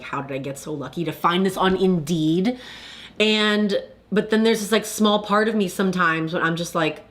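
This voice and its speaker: Chatty young woman live-streaming. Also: low voice. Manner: chatty, confessional, with frequent "like" and quick laughs; reads viewer comments aloud. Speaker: YouTuber hosting a live stream. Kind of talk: casual live-stream chat.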